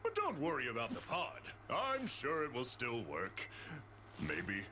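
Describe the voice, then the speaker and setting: A man's voice: mid-range voice, wildly swooping pitch, unhurried, slight background noise, full character voice. An actor voicing a big, dopey, boastful strongman in a video game, with a cartoonish bellow. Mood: proud, sheepish. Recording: loud game music behind the voice. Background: loud game music.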